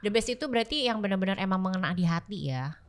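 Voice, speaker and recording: Female podcast co-host, mid pitch, curious and prompting, casual. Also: expressive, fast. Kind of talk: casual chat.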